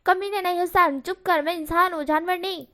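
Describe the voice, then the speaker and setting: Woman putting on a bratty young man, high-pitched, loud, vain and touchy, storybook. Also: brisk, natural voice. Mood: indignant. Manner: shouting, indignant.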